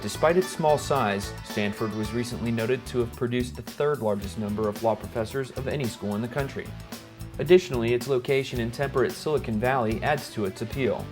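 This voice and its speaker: A man's voice: medium pitch, a little fast, music in the background. A man narrating a school profile in a polished, informative scripted delivery. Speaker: narrator and interviewer.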